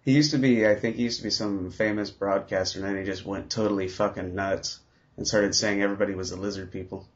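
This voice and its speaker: A man's voice: lowish voice, fairly even intonation, fast, dull audio. A male podcast host chatting casually, easygoing and given to swearing. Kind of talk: casual chat.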